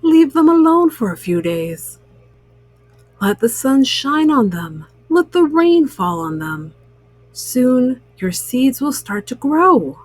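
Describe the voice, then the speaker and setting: A woman voicing a calm, sensible male frog in a children's storybook, giving advice in a patient, reassuring way. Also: high-pitched, slow, no room sound, heavily acted.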